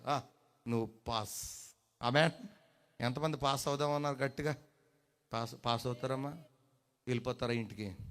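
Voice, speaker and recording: A man preaching a sermon to a congregation, swinging between hushed and loud delivery, drawing out key words and slipping in English phrases. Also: medium pitch. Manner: mixes in English phrases, addresses the congregation directly.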